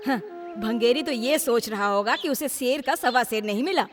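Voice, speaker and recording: Dubbed sharp-tongued village woman, teasing, a woman voicing her, high, echoey. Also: moderate pace, music in the background, natural voice. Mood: mocking. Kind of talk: Hindi film dubbing.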